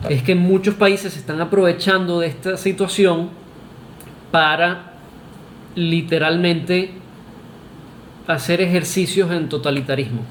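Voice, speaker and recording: A man's voice: sits high, steady tone, unhurried, pauses often, slight background noise. Argumentative Venezuelan man in echoey room. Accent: Venezuelan Spanish. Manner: argumentative, emphatic, with filler "este" and restarts. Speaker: vlogger. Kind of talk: opinion monologue to camera.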